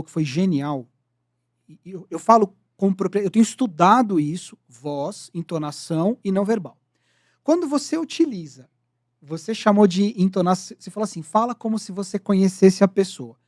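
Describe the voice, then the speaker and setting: A man's voice: high-pitched, a little mellow, dry recording, clean studio sound. Man explaining like a lecturer. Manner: explanatory, lecturing, defines terms step by step. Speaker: podcast co-host, sales communication teacher. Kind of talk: casual podcast discussion.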